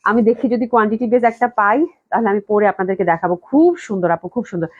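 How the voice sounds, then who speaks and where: Muffled audio captures a woman with a medium-pitched, somewhat mellow voice speaking in rapid bursts. Hosting a live sales stream for her clothing shop's dresses from the company office, she enthuses and praises the same points over and over. A lingering cold has her coughing throughout.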